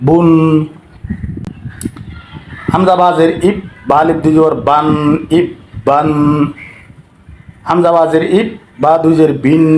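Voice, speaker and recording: A man's voice: a little high, a little mellow. A man teaching Quran letter reading, drilling syllables one by one in a careful step-by-step lesson. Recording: roomy echo.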